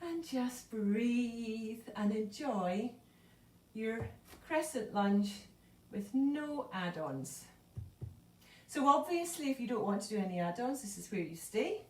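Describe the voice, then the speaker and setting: A woman leading a yoga class, calmly cueing breath and movement, a little out of breath. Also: on the high side, measured pace, slight background noise. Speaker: yoga instructor. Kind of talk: live online yoga class instruction. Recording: echoey room, voice from far off.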